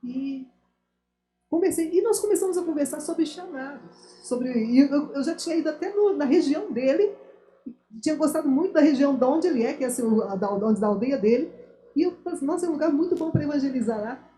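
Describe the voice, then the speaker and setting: A woman's voice: sits high, expressive, quick pace, mellow. A woman in her fifties telling a personal story in a chat, acting out the dialogue as she goes. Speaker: guest, missionary. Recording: roomy echo.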